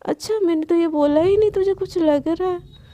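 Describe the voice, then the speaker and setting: A woman voicing a young male best friend who talks calmly, teasing and reassuring. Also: very high-pitched, moderate pace.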